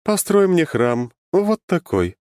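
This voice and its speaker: A man's voice: high-pitched, sing-song, takes it slowly, a little mellow, dry recording, clean studio sound, voice pushed up, full character voice. Cheeky sly goddess done by a man. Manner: cheeky, mocking. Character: sly, brash female goddess, quick-tempered. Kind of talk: audiobook character voice.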